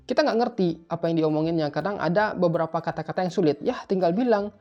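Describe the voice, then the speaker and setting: A young man chats through interview advice in a loose, informal tutor's style. He talks fast and keeps leaning on the same filler tag. The sound is a bit dull, with soft music underneath. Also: a little high. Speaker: tutor for job interviews in Japan. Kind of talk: casual explainer video. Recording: slightly muffled, faint music behind.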